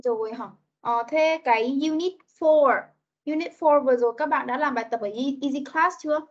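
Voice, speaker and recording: A woman leads young children through an online English lesson with a high voice. She coaxes answers from them and slows right down to model words for them to repeat. The video-call audio is muffled and lo-fi.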